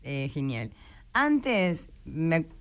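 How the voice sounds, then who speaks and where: A woman's voice: sits low, drawn-out words. A woman with a Rioplatense Spanish accent, a writer and coach, chatting as a guest in a radio interview and acting out the voices she quotes. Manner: lively, acts out inner voices and quotes.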